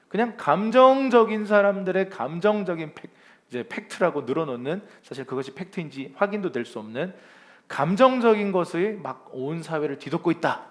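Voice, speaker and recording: A male pastor giving a lively, conversational Sunday sermon to a congregation in a church, acting out complaints and chuckling as he goes. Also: fairly high pitch. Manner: chuckles often while speaking.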